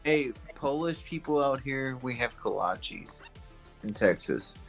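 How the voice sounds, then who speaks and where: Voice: mid-range voice, lively intonation, takes it slowly, creaky, soft background music. A guest joking around in a casual live stream chat over a video call.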